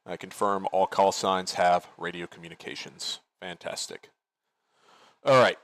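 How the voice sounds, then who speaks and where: A man's voice: sits low, steady tone, measured pace, fairly bright tone. A man leading an online military game as commander, giving tactical briefings and talking through plans casually on a headset.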